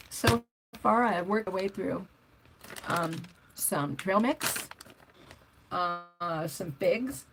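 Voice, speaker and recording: A woman's voice: lowish voice, gravelly, background noise. An older woman hosting a casual livestream, rambling and chatty as she reads out viewer comments and answers them. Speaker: motorcycle vlogger hosting a livestream.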